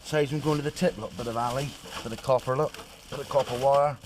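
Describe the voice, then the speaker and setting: A man's voice: mid-range voice, steady tone, fast. A man, a rag and bone trader chatting casually in plain, colloquial speech outdoors. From southern England. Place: outdoors on a horse-drawn cart in the street. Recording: noisy outdoor street recording.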